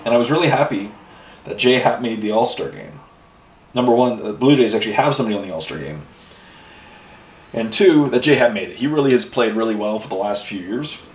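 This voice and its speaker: This man talks a little fast in a lowish voice with lively intonation, rambling casually and filling pauses while he paints miniatures for a hobby video. He's from Ireland and Canada and records in a home hobby room. The sound is roomy and faintly noisy, with the mic a bit distant.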